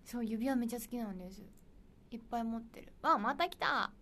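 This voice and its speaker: A young woman with a Kansai accent hosting a casual livestream, chatting brightly and answering viewer comments, often dropping into soft, near-whispered asides. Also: a little high, fast talker. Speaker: idol livestream host.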